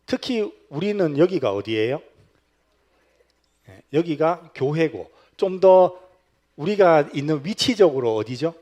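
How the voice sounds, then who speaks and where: Gyeongsang-accented male pastor, church retreat talk, lively and playful, slightly higher voice. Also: unhurried. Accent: Gyeongsang Korean. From Gyeongsang region, South Korea. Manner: animated and humorous, acting out quoted lines. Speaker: pastor giving a guest lecture.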